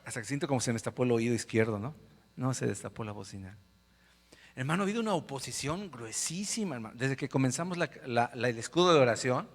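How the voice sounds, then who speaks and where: A male pastor preaching a lively sermon, swinging between loud exhortation and quiet storytelling. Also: medium pitch, long reverb tail. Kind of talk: lively sermon with acted-out anecdotes. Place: church sanctuary with a PA speaker.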